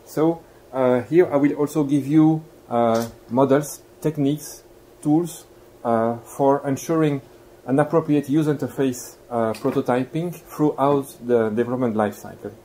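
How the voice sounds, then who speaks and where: This guest lecturer, speaking with a Belgian accent, explains material politely to a university audience and asks them questions. He has a mellow mid-range voice at a measured pace, recorded live in a lecture room with poor audio and noticeable background noise.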